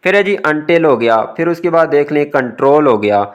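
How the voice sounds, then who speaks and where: A man's voice: on the high side, animated, a little fast. A man with a Pakistani Urdu accent teaching a recorded exam-prep English lesson, patiently explaining each word step by step.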